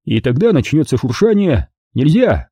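A man's voice: fairly high pitch, sing-song, normal speed, mellow, slightly rough, no echo, pitched above the performer's own voice. A man voicing an earnest young lifeguard who argues firmly. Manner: earnest, firm.

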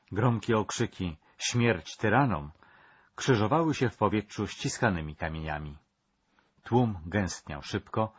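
Deep husky male documentary narrator. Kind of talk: scripted history documentary narration. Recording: dull lo-fi sound.

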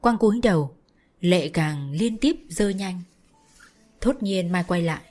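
A woman narrating a romance story in a steady, melancholy storytelling manner. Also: on the low side, unhurried, faint music behind. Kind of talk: audiobook narration.

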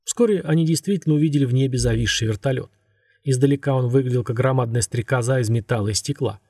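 A man with a husky voice narrating a story in a steady, measured way. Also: medium pitch, no room sound, clean studio sound. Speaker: audiobook narrator. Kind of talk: scripted narration.

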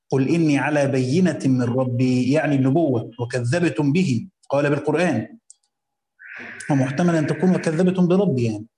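A man with an Egyptian accent teaches from a classical commentary, reading passages carefully and breaking into relaxed colloquial notes. His voice sits a little high and sounds warm and mellow. The room gives it a noticeable echo. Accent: Egyptian Arabic. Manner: reads classical text slowly, then explains in colloquial asides.

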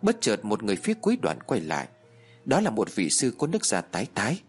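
Husky man narrating a horror story. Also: on the low side, huge pitch swings, fast talker, soft background music. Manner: tense, dramatic storytelling.

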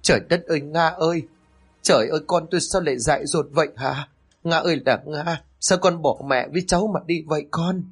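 A man voicing a grieving middle-aged mother who calls out and wails in a high voice, read as part of a spoken story. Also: expressive, normal speed, fairly bright tone, soft background music. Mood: wailing.

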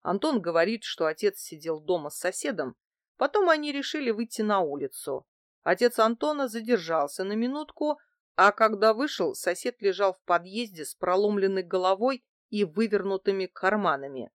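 A woman reading an audiobook, voicing a smug, flirtatious married man who runs a travel agency, in a brisk, evasive manner. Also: mid-range voice, lively intonation, dry recording, studio quality, natural voice. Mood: explaining.

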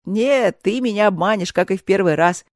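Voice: medium pitch, normal speed, no room sound, clean studio sound, natural voice. A reader voicing a fearless, cheerful young man, a woodcutter's son, in an audiobook fairy tale. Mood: cheeky bold. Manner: lively, cheeky and fearless.

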